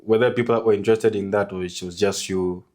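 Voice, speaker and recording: A man's voice: lowish voice, steady tone, fast, darkish tone. A man hosting a podcast who talks in a laid-back way, often laughing and filling his questions with "like". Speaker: podcast host. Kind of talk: casual podcast interview.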